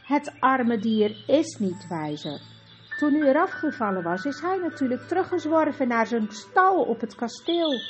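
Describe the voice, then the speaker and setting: A kindly, courteous old male tutor, still out of breath, as a woman reads him. His voice sits high and polite. The recording is dull with faint music. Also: expressive, measured pace. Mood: explaining.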